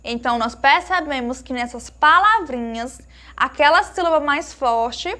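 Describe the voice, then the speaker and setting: A woman teacher giving a lesson to young children, asking them questions and slowly sounding out each word she explains. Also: high voice. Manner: slow emphatic sounding-out of words; warm diminutives, asks pupils questions.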